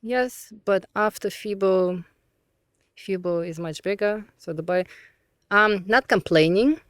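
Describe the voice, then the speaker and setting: A woman's voice: medium pitch, takes it slowly, no room sound. A woman from southern Russia with a Russian accent, a podcast guest giving short, dry, blunt answers in casual chat.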